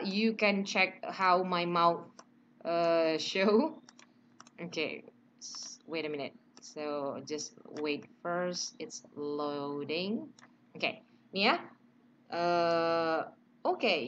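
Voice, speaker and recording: A woman's voice: on the low side, very slow, a bit bright, lo-fi sound, a little hiss or hum. A woman teaching English pronunciation in a casual online lesson, chatting, mixing in English phrases and modelling sounds.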